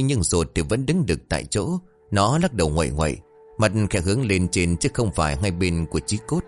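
A man narrating a comic ghost story in a lively, animated way. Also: deep voice.

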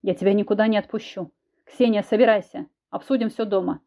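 A woman's voice: fairly even intonation, dark tone, natural voice. A woman doing a smug, menacing husband. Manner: low, slow, insinuating menace. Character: menacing controlling husband, grown man, smug and cruel. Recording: dull lo-fi recording.

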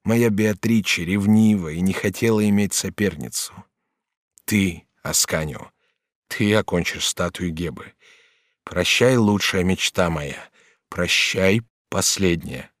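A man reading an audiobook, voicing a noble, grieving older master artist who speaks in halting, broken phrases. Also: sits low, no room sound, clean studio sound. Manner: halting, broken, restrained sorrow.

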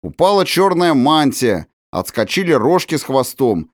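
A man narrating a children's storybook in an expressive, dramatic way. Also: mid-range voice, unhurried, no echo. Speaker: audiobook narrator.

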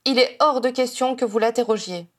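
A woman's voice: fairly high pitch, a little fast, voice pushed up, close to an everyday voice. A woman reader voicing a cold, stiff elderly family patriarch. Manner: cold, clipped.

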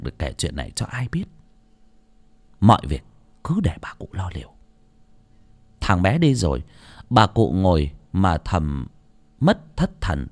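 A man narrating an audiobook story in an expressive, dramatic reading style. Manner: expressive, dramatic reading with wide pitch swings.

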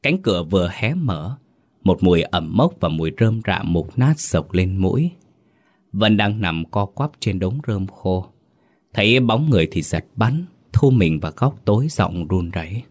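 A man narrating a dramatic story in a steady, storytelling manner. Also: low voice, measured pace, no room sound, clean studio sound.

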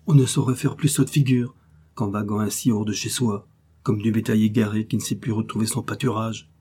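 A man reading aloud voices a quick-tempered aristocratic father who exclaims and protests, in a raised, loud voice. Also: fairly low pitch, steady tone, slightly rough. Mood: grumbling. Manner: exclaiming, indignant.

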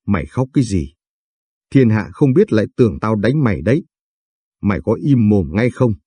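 A man's voice: on the low side, sing-song, normal speed, slightly rough, no room sound. Man voicing a foul-mouthed cruel old mother-in-law. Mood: scolding. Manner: shouting, abusive, vulgar scolding.

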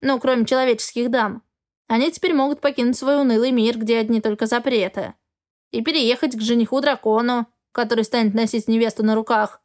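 A woman's voice: on the high side, steady tone, fairly quick, natural voice. A woman voicing a senile, grumpy old male raven in a storybook reading, indignant and scolding. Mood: confiding.

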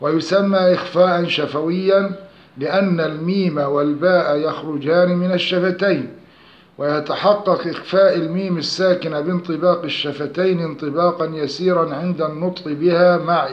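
A man giving a scripted recitation lesson, explaining rules in a measured, steady delivery. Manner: measured, slows to recite examples with nasal humming. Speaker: tajweed teacher. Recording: echoey dull low-fi room recording.

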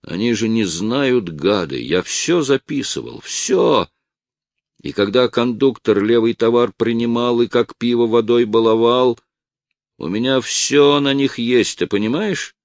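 A man's voice: medium pitch, measured pace, dry recording, natural voice. A man voicing a badly beaten young man who speaks weakly, groaning and pleading, bitter about his attackers. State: in pain, weak.

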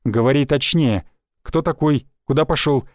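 A man voicing a calm, menacing stranger who speaks in a dry, level way. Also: a little high, moderate pace, no room sound, lightly acted. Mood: cold calm. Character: calm, menacing male stranger, cold and unhurried.

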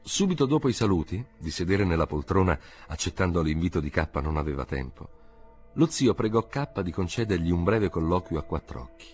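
A man narrating a literary audiobook in a measured, expressive way. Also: sits low, soft background music. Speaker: audiobook reader. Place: recording studio.

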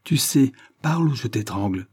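A man's voice: medium pitch, expressive, moderate pace, slightly rough. A man voicing a mocking, domineering male detective who barks curt threats at a crowd. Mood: bullying. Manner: sharp, curt and jeering, barking threats.

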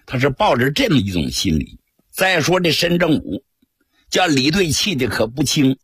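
A man telling a traditional story for radio, animated and acting out each voice. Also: on the high side, moderate pace, breathy edge, no echo, studio quality.

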